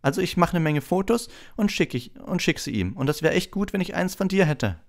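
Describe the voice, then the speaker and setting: Man voicing a young boy, breathless, gushing, stumbling, much higher, bouncy. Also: animated, fairly quick, vocal fry. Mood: eager. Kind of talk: audiobook reading.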